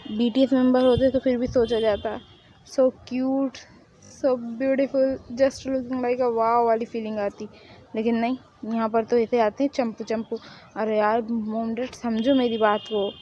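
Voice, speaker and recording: A woman's voice: a little high, flat delivery, unhurried, warm tone, rough recording. A woman doing a whiny stubborn young superfan. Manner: pleading, complaining.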